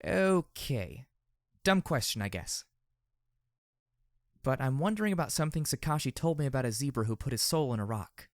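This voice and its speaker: A man reading an audiobook, voicing a blunt, scrappy young mare who talks in a halting, questioning, informal way. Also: mid-range voice, expressive, no echo, studio quality, pitched above the performer's own voice, lightly acted. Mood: curious, blunt.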